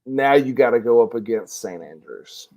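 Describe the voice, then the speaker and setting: A man's voice: medium pitch, expressive, normal speed, warm tone. A man co-hosting a casual sports podcast, rambling with restarts as he weighs his pick. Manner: rambling, many restarts, enthusiastic. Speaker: podcast co-host.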